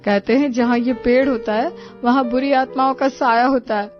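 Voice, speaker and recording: A woman voicing a superstitious young sister-in-law in an animated storybook, insistent and told-you-so in manner. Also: high voice, moderate pace, natural voice. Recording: dull lo-fi audio with music.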